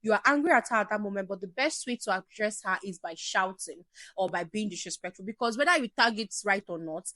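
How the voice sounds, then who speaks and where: A woman hosting a parenting advice show, answering viewer questions in an animated way and acting out shouting parents. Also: medium pitch, quick pace, no echo. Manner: animated, acts out shouting parents, drops to soft emphasis.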